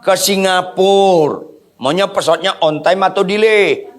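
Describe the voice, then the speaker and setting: A man's voice: sits high, unhurried. A man preaching a sermon to a congregation, joking in casual slang and quizzing his listeners with questions. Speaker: pastor.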